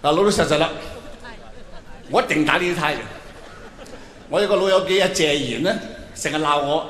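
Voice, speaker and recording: His voice on the high side and fairly bright, the Hong Kong stand-up speaks a little fast on a large indoor arena stage. Casual and chatty in Cantonese, he questions the audience directly, captured through a noisy arena PA with lots of reverb.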